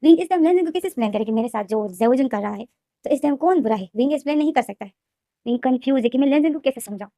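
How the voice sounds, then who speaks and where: A woman retelling a fan fiction plot in a rapid, repetitive storytelling manner. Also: high-pitched, animated, mellow, dry recording, clean studio sound. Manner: fast, repetitive storytelling with restarts. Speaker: story explainer.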